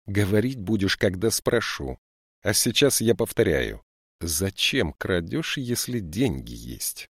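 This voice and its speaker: A man's voice: deep voice, very animated, slow, a bit bright, slightly rough, no echo, studio quality, exaggerated voice. A man voicing a strict, stocky woman police lieutenant in an audiobook, scolding and lecturing young thieves. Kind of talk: audiobook character voice.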